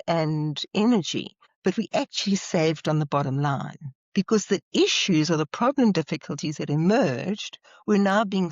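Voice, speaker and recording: A woman's voice: on the low side, no room sound. Earnest South African woman explaining. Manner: earnest, explanatory, now and then laughing. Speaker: leadership trainer and guest. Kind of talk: interview conversation. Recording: slightly muffled, dry audio.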